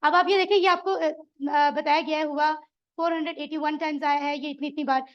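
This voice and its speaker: High-voiced woman teaching a class. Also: fairly even intonation, brisk, highs cut off. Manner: encouraging, asks the class questions. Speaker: Quran Arabic teacher. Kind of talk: classroom lesson.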